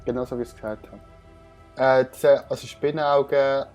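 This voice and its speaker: A man's voice: mid-range voice, little pitch movement, normal speed, a little mellow, faint music behind. A young man with a Swiss German accent, chatting playfully and a bit whiny while playing a game with a friend. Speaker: let's play host. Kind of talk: casual gameplay chat.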